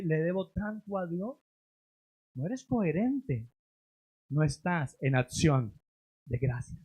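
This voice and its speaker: A man preaching a sermon as a pastor in a church, rising to loud emphatic lines and then dropping to low, drawn-out endings. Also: husky. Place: church sanctuary.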